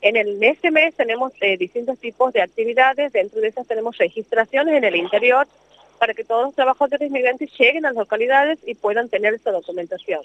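Lady official, high voice, lots of "eh" pauses, dull dry sound. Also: animated, no echo. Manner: hesitant, many fillers. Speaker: provincial labor official. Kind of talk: interview answers.

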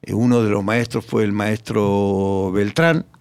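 A man's voice: on the low side, fairly even intonation, measured pace, darkish tone, smooth. A man telling local history in a radio interview, hesitant, with many fillers and restarts. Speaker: guest.

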